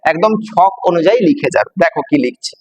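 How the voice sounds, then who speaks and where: High-voiced teacher spelling slowly. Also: male voice, lively intonation, a little mellow, long reverb tail, highs cut off. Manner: spells words out letter by letter, slow and emphatic. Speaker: English grammar teacher. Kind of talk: classroom-style grammar lesson.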